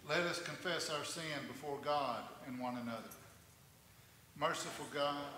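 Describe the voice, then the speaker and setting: A pastor leading a communion liturgy in a measured, reverent way, his voice carrying a cathedral echo in a large church sanctuary. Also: medium pitch, pushed and bright. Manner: measured, reverent reading with slow stresses. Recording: echoey church hall from a distance, faint noise.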